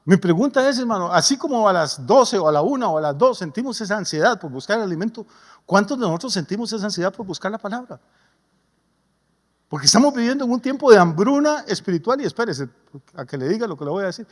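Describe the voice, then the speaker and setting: Man, pastor's sermon, folksy and joking, high voice, long church reverb. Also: lively intonation, fast talker. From Costa Rica. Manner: folksy, humorous preaching with homely stories. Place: church sanctuary.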